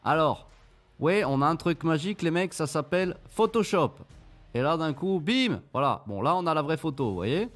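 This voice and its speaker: A man's voice: a little high, sing-song, moderate pace, a bit bright, faint music behind. A man hosting his channel, giving mocking, sarcastic screen-share commentary, swearing casually as he talks viewers through the material. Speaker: channel host reviewing an investment scheme.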